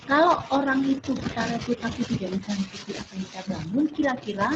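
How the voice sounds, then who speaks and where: A woman's voice: a little high, fast talker, muffled recording. A woman teacher lecturing in an online class, her voice crackling and distorted over the call, often checking that students follow. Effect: crackling distorted audio. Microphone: video call.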